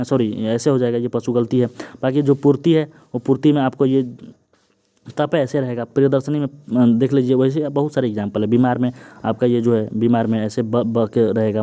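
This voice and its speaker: A young man teaching an exam-prep Hindi grammar lesson, running quickly through word lists and often checking in with the students. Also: medium pitch, dark tone. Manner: rapid list-reading with frequent "ठीक ना" checks and "Babu" address.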